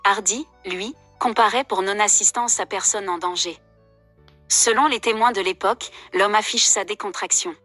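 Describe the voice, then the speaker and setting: A woman delivering scripted true crime narration in a measured, journalistic storytelling manner. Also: medium pitch, sharp tone, faint music behind.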